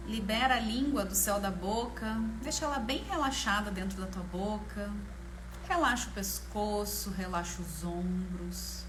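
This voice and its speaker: A woman with a Brazilian Portuguese accent leading a guided meditation in a slow, soothing manner, leaving long pauses between short phrases. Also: medium pitch. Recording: clear background noise, ambience. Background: ambient meditation music.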